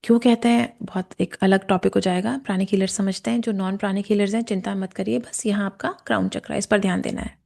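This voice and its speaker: A woman teaching a guided meditation, explaining chakras in a calm, slow way and softly chanting devotional verses, sometimes in a whisper. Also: medium pitch, creaky. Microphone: camera and mic in front of her.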